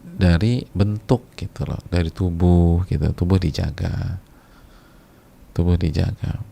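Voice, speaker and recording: A man's voice: low voice, steady tone, measured pace, vocal fry, dark tone. A male preacher giving a casual religious lecture, talking conversationally, repeating key phrases for emphasis and sometimes chanting short religious verses.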